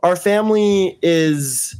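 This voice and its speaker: A man in his late twenties, a podcast guest, telling stories in a relaxed, casual way. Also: high-pitched, takes it slowly, clean tone. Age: 20s. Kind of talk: casual chat.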